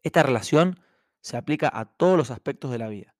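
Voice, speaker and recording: Calm man hosting a self-help podcast. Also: medium pitch, brisk, dry recording, clean studio sound. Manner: calm storytelling, speaking directly to the listener. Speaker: podcast host. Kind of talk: reflective self-help narration.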